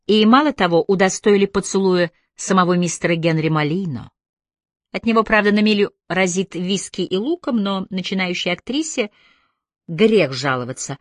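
Reading an audiobook, a woman takes on the role of a breezy, cheeky young actress, chirpy and chatty, raising her mid-range voice a little above her natural pitch but keeping it near an ordinary speaking voice. She's expressive at normal speed, in a clean studio with no room sound.

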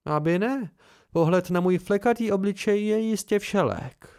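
A gentle, playful young woman with a soft lilt speaks in a raised, smooth voice, as a male amateur audiobook reader puts her on. She sounds a little weary, and her tone stays tender. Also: high-pitched, pitched above the performer's own voice. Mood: teasing.

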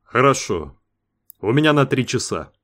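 A man's voice: mid-range voice, big pitch swings, unhurried, a bit bright. A man voicing a cool-headed male expedition commander who gives curt orders. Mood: stern.

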